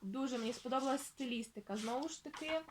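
Woman, book vlogger, casual chat, higher-pitched voice, lots of fillers and restarts, slow spelled-out reading of quotes. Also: a little hiss or hum. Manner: chatty, thinking aloud with many fillers and restarts; reads quoted passages aloud slowly, spelling words out. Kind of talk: casual book vlog talk.

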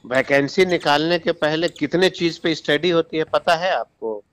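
Over a phone line, a government minister lectures the caller in an impatient, condescending tone. His voice sits on the high side and is a bit bright, his pace is normal, and the audio is a telephone call recording.

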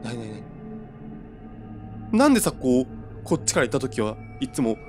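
A man's voice: mid-range voice, big pitch swings, brisk, a little mellow. Young guy narrating a horror game, stammers a lot, voice swings way up and down, faint music behind. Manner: jumpy, stammering and talking to himself. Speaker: gamer playing a horror game. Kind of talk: let's play commentary.

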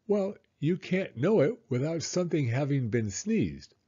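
A humble, dim and dreamy storybook teddy bear, put on by a man. The voice is slow and husky, lifted higher and full of earnest, plaintive swoops. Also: sing-song, warm tone, lo-fi sound, full character voice. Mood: puzzled. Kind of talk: children's storybook character reading.

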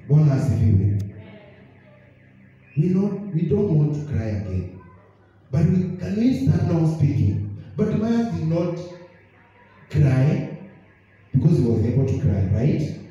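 A man's voice: on the high side, warm tone. A young Kenyan man preaching a sermon in a church, switching between English and Swahili and putting questions to the congregation. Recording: roomy, distant, dull church broadcast.

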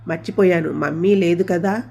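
A woman's voice: lowish voice, moderate pace, vocal fry, darkish tone, faint music behind. A woman voicing a young adult elder daughter who keeps pleading with her father in a storybook reading. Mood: apologetic. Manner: pleading, insistent.

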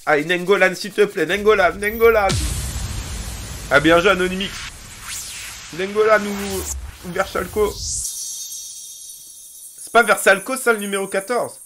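A young man streaming a football video game, commenting on pack openings in a casual, excitable way, chanting and shouting when cards are revealed. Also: sits high, unhurried, long pauses, faint music behind. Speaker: gaming streamer.

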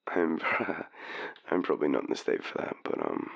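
An actor with a very low, heavily creaky Australian voice plays a drunk young man with a crush in an intimate boyfriend roleplay framed as a late-night phone call, stammering, apologising, and halting between murmured phrases. In a full character voice that is sing-song and fairly bright, his pitch wandering widely, he sounds sheepish and eager. The recording is slightly dull.

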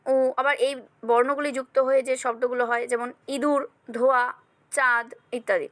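High-voiced woman teaching grammar. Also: dry recording. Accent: Bengali. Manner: steady question-and-answer delivery, addressing students directly. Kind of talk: exam revision lesson.

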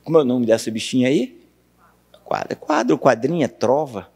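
A man's voice: medium pitch, a little mellow, breathy edge. Brazilian guy teaching poetry in an auditorium, quizzes the crowd, lots of echo. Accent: Brazilian Portuguese. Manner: questions the audience, recites verse slowly. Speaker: lecturer. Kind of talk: university lecture on poetry. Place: university auditorium. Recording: long hall reverb.

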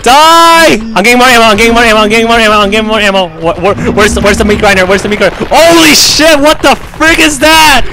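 A man hosting a co-op video game, yelling frantic commentary and repeating himself. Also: sits high, rapid-fire, few pauses. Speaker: gaming host. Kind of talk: excited gameplay commentary.

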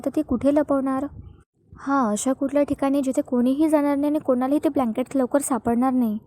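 A woman narrating a recap of a TV serial episode, linking the scenes in a steady storytelling manner. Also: high-pitched, no room sound. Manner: steady storytelling with frequent "now" links.

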